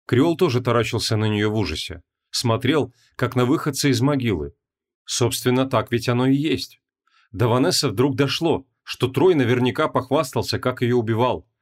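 A man reading a fantasy audiobook with a dramatic, expressive delivery. His pitch sits in a middle range but moves lively and animated through the lines. The narration is scripted and steadily told.

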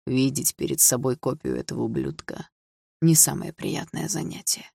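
A woman's voice: low-pitched, fairly quick, creaky, darkish tone, slightly rough, no room sound, clean studio sound, full character voice. A woman voicing a smug, cold stepfather. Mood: menacing.

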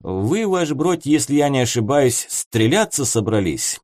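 A man's voice: mid-range voice, big pitch swings, a little slow, a little mellow, dry recording. Man voicing a sarcastic streetwise young soldier. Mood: mocking. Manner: sarcastic, slangy, mocking. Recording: dry close studio sound.

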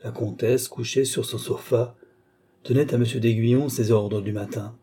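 A male narrator reading a classic novel in a measured, literary way. His voice is dark and a bit husky. The delivery is steady and unhurried. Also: mid-range voice. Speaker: audiobook reader. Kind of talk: scripted narration.

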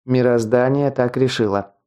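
A cold, officious chief guard from a fantasy audiobook, delivering verdicts in a calm, mechanical tone, as a male narrator voices him. The voice is dark and mellow at a middle pitch. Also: normal speed, natural voice.

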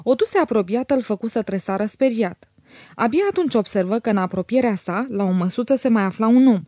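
A woman narrating a classic novel as an audiobook, in a measured, even reading on a close mic. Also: on the high side, dry recording.

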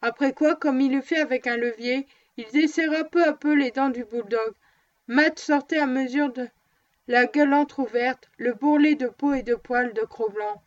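A woman reading a novel aloud in a steady, even narration. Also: high-pitched, moderate pace, dry recording, lo-fi sound. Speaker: audiobook reader.

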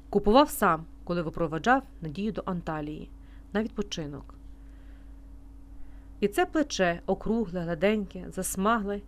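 Woman narrating an audiobook. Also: medium pitch. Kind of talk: scripted narration.

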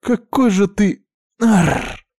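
A man's voice: mid-range voice, animated, normal speed, mellow, no echo, clean studio sound, pitched above the performer's own voice, close to an everyday voice. A man voicing a worried young woman scolding her younger brother in a pleading, upset way.

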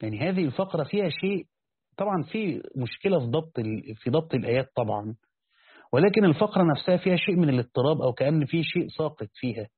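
A man's voice: a little high, very animated, rapid-fire, husky, no room sound. A man with an Egyptian Arabic accent teaching a classical Quran commentary, reading the text aloud, explaining it, and asking and answering his own questions. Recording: tinny phone-like lo-fi recording.

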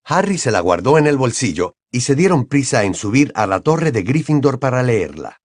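A man narrating an audiobook in an expressive storytelling manner on a close mic. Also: mid-range voice, normal speed, no echo. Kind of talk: scripted narration.

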